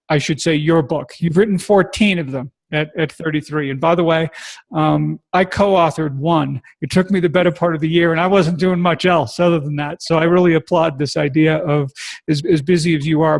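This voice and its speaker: A man's voice: on the high side, vocal fry, no echo. A man hosting a podcast interview, talking casually and rambling with many fillers. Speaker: podcast host. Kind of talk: conversational interview.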